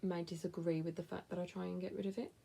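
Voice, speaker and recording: Answering viewer questions to camera, this thirty-something Englishwoman with a West Midlands accent is blunt and casual, slipping in whispered asides. She speaks quickly in a low, level voice that is gravelly, mellow and husky.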